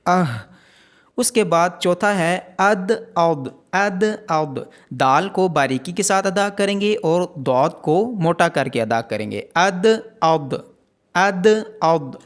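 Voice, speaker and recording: A man teaching Quran reading in a step-by-step pronunciation lesson, with a Pakistani Urdu accent, slowly repeating letter sounds for drill. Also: a little high, a bit bright.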